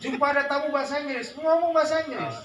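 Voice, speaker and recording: A man preaching a lively sermon to a village audience, jumping from quiet asides to shouted points and joking with the crowd. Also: very high voice, fast talker. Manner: animated, swings from soft asides to shouted points, jokes with the crowd. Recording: echoey room with faint background noise.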